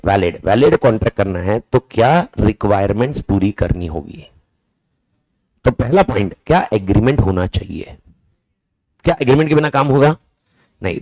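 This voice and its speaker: A man in his own voice teaching a class with an animated delivery, his pitch swinging widely from phrase to phrase. The sound is dry and close, with no room echo. He often throws questions at the class and answers them himself, drumming in key words. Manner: casual, calls students "boss" and "brother". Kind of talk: lively classroom lecture.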